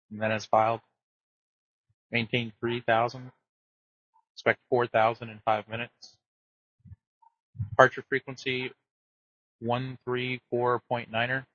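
A man working as an air traffic controller, giving brisk, procedural instructions over the radio. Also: mid-range voice, a bit bright, no room sound. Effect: radio transmission. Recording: muffled lo-fi radio audio.

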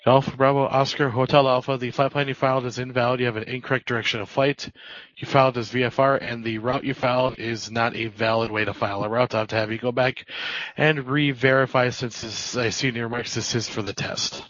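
A man's voice: medium pitch, steady tone, a little fast, fairly bright tone, dry recording. A man working as an air traffic controller, giving clipped, businesslike procedural instructions over radio. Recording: slightly muffled radio audio.

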